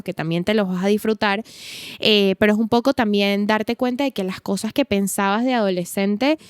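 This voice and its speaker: A woman's voice: on the high side, clean tone, no echo, studio quality. A woman in her twenties co-hosting a podcast, talking in long reflective runs in casual chat. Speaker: podcast co-host.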